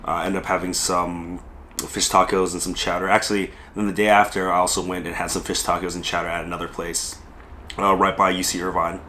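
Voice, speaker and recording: A low-voiced man, hoarse from a lingering cold, rambling casually with lots of ums as he talks through a meal. His tone sits deep but comes out bright and forward. A faint hiss of restaurant ambience stays underneath. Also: flat delivery. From Southern California. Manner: rambling, many ums and pauses. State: hoarse, recovering from illness. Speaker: food vlogger. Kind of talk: casual rambling mukbang vlog. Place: restaurant dining room.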